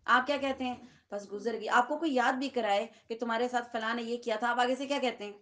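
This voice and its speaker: A woman with a Pakistani Urdu accent teaches a Quran lesson in a room with listeners. Her voice sits a little high, and she keeps the talk conversational, often stopping to ask her audience short checking questions. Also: fairly even intonation, fairly bright tone. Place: lecture room with seated listeners.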